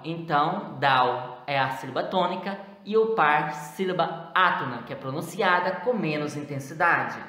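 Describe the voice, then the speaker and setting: A woman teacher from Brazil talks through a recorded lesson in a fairly low voice, going step by step and checking in with her pupils. She draws out example words slowly and says them twice. The room around her is echoey. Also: bright, forceful tone. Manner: explains step by step, checks in with "né?" and "então". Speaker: primary school teacher. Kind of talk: recorded video lesson correcting exercises.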